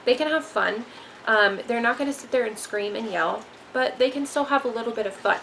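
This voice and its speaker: A woman's voice: on the high side, brisk, creaky, a bit bright, slight background noise, poor audio. A young woman vlogging casually about raising three kids, talking frankly and rambling with many ums. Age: young adult. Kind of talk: casual parenting talk to camera.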